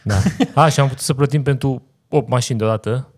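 A man with a medium-pitched voice adds details in a matter-of-fact, informative way during a relaxed car podcast chat. He speaks into a studio boom mic. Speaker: podcast co-host. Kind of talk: casual chat. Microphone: studio mic on boom arm.

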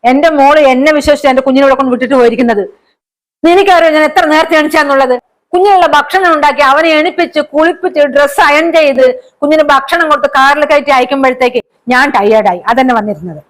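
Fussy fast-talking woman, high voice. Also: poor audio. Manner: fussy, doting, scolding. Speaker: grandmother character. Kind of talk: comedy family sketch acting.

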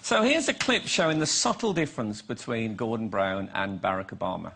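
A man's voice: on the low side, expressive, a little fast, vocal fry, a bit bright, slightly rough. A man comments with amusement on a clip he is introducing. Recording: studio audience in background.

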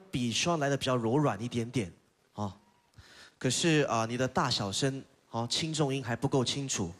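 A man judging a singing contest, giving direct, teasing critique. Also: mid-range voice. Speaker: judge. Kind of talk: judge's critique on a talent show.

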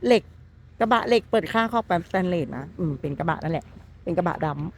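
A woman's voice: on the low side, expressive, fast talker, a little hiss or hum. Chatty woman showing off a truck. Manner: chatty, enthusiastic, polite sentence endings. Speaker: presenter for a truck body workshop channel. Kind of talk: walkaround vehicle showcase. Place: outdoors at a truck workshop.

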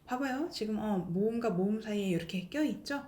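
A woman teaching an online language lesson, speaking slowly and clearly, repeating example words and encouraging her viewers. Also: medium pitch, lively intonation, warm tone. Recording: echoey room.

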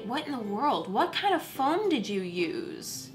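A woman hosting an unboxing vlog, chatting excitedly with frequent giggles and gushing exclamations. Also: a little high, a little slow, soft background music. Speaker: craft YouTuber host.

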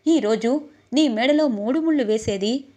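A woman's voice: on the high side, normal speed, mellow, close to an everyday voice. A woman voicing a passionate, defiant young man who speaks out for the woman he loves in an impassioned way.

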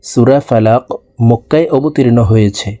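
A man with a Bangladeshi Bengali accent teaching Quran recitation word by word, drawing out the recited words and then explaining the rules more briskly. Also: medium pitch, warm tone, no echo, studio quality. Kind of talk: slow recitation lesson.

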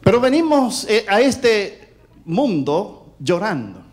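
A male pastor delivers a sermon in a lively, high voice that swoops up and down. He tells stories and puts rhetorical questions to his listeners with emphatic conviction. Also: slow pace. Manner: storytelling with rhetorical questions to the audience.

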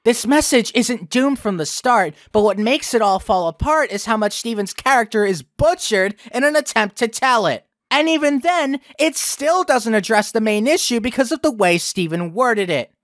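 A man's voice: very high voice, lively intonation, normal speed, few pauses, a bit bright, no room sound, studio quality. A young man hosting a review video, with sarcastic, profane ranting commentary. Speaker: video critic host.

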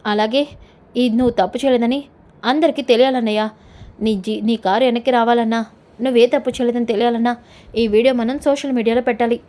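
A woman's voice: on the high side, fairly even intonation, fast talker, darkish tone, lightly acted. Woman voicing a reassuring younger brother.

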